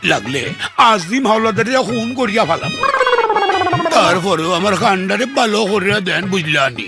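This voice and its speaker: A man's voice: high-pitched, expressive, moderate pace. A man playing an eager, simple-minded, hard-of-hearing servant in a comic film, talking in a rustic regional Bangladeshi accent. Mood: eager, confused. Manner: rustic, comic, mishears and rambles. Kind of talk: broad comic film acting. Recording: loud film music behind the voice.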